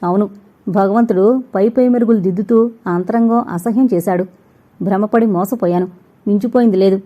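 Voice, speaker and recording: A woman's voice: medium pitch, a little fast, dull audio, lightly acted. A woman reading the lines of a stern young husband, a doctor who scolds and lectures his wife.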